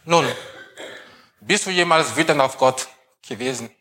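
Male preacher, measured delivery, asks the congregation pointed questions. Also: a little high, sharp tone. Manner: slow, emphatic questions to the congregation. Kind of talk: sermon.

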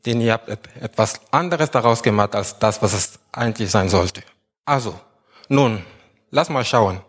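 A man preaching a sermon as pastor, slow and emphatic, often repeating words and phrases. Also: lowish voice.

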